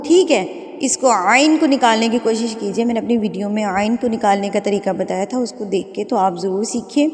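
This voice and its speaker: A woman teaching a tajweed lesson online, patiently repeating each sound slowly and drawing it out for learners to copy. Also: on the high side, darkish tone, in a large hall. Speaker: Quran recitation teacher.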